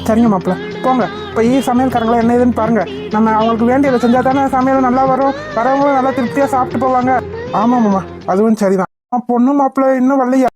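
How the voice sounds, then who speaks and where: A woman's voice: fairly high pitch, fairly even intonation, fast talker, over music. Woman voicing cartoon family banter. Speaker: cartoon voice-over artist. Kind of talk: cartoon voice acting.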